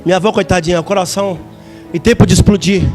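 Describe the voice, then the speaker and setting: Brief: Brazilian man, very high voice, fervent church testimony, soft music under him. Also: steady tone, fast. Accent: Brazilian Portuguese. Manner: fervent, preacherly, stretches words and shouts at peaks. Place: church service.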